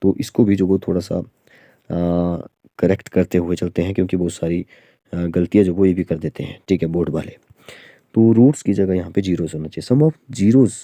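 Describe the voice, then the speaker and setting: A man's voice: low-pitched, warm tone, no echo. A man teaching a maths exam-prep lesson, explaining step by step with frequent fillers and checks like "okay". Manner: explains slowly with many fillers and "theek hai".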